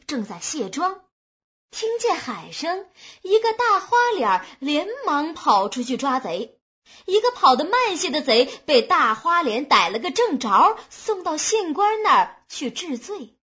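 A woman narrating a humorous folk tale in a lively, expressive storytelling manner, on a dull lo-fi recording. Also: sits high, a little slow.

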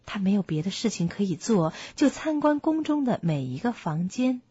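A woman reading a fairy tale aloud to children, as a gentle storyteller. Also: mid-range voice, very animated, moderate pace, breathy edge, dry recording. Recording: muffled, dry, soft music behind.

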